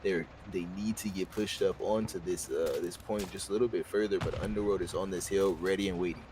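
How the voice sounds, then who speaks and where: A man's voice: deep voice, steady tone, slight background noise. A young man giving esports color commentary who often stumbles and restarts his sentences. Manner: halting, with many fillers and restarts. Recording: loud game gunfire in the background.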